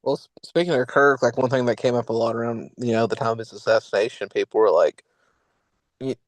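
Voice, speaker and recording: A man's voice: mid-range voice, a little fast, no echo, poor audio. Rambling young man on a podcast. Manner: rambling, many fillers and restarts. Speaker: podcast co-host. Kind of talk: casual political chat.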